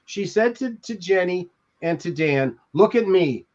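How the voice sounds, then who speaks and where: An older American man from Beverly Hills, California, co-hosts a podcast from home over a video call, discussing and reading from a memoir. His voice is slightly high for a man and darkish in tone, with lively intonation, and he reminisces in a halting, reflective, anecdotal way, pausing to feel out each thought. The audio is dull, muffled, and lo-fi.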